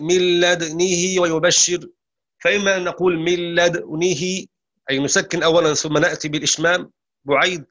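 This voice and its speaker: A man teaching Quran recitation. He explains rules quickly, recites verses slow and drawn out, and corrects his own slips aloud. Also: on the high side, fairly bright tone, muffled recording. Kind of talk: tajweed lesson with recited verses.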